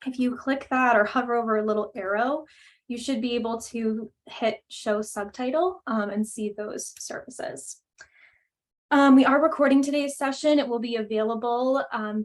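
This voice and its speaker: A woman with a slightly high voice hosts and coordinates a webinar over a video call. At a moderate pace, she reads a speaker introduction in a friendly manner, saying "um" often.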